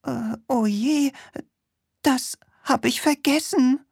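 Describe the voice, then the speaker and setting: A woman's voice: fairly high pitch, takes it slowly, gravelly, no room sound, clean studio sound, pitched above the performer's own voice, heavily acted. A woman voicing a fretful, helpless storybook witch who frets and stammers. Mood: flustered. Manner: worried and stammering.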